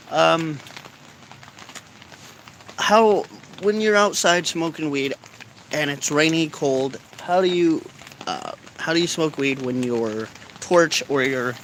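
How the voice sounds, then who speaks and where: A man's voice: on the high side, fairly bright tone, rough recording. A stoned man chatting casually to his viewers outdoors, with a laid-back, meandering way of talking. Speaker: vlogger. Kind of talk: casual rambling chat to camera. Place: outdoors in rainy, cold weather. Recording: faint rain noise outdoors. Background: light rain.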